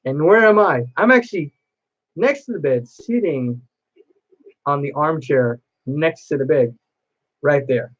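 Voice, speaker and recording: A man's voice: on the high side, unhurried, pauses often, muffled recording. A man chatting to camera as a cosplay vlogger, telling a long personal story in a rambling way with many restarts.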